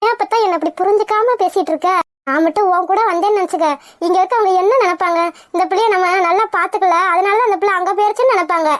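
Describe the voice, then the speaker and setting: A woman's voice: extremely high pitch, racing. A woman voicing an earnest, pregnant young wife who pleads with her grandmother, in a cartoon. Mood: pleading.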